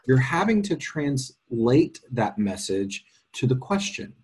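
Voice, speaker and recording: A man co-hosting a casual live question session, explaining card readings in quick bursts with self-deprecating humor. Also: medium pitch, very animated, darkish tone, slightly rough. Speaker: co-host and card reading teacher.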